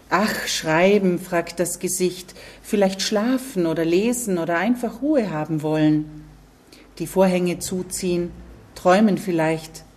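A woman's voice: fairly low pitch, darkish tone. A woman reading literary prose aloud on the radio, in a grave, reflective way. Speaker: reader.

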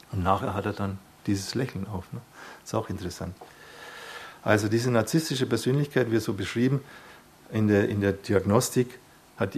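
Low husky-voiced man explaining calmly. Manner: thoughtful, rephrases as he goes, tag questions. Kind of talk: calm explanatory talk.

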